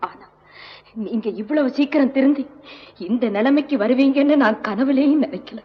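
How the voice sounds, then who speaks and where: A woman's voice: high-pitched, normal speed, dull audio, slight background noise, close to an everyday voice. An actress playing a young woman crying with relief, on an old film soundtrack. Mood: tearful.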